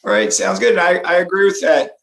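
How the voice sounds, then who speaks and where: A man's voice: sits high, sing-song, moderate pace, vocal fry, fairly bright tone, rough recording. A man in his fifties hosting a casual interview, affable, repeating facts back to his guest. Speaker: interview host.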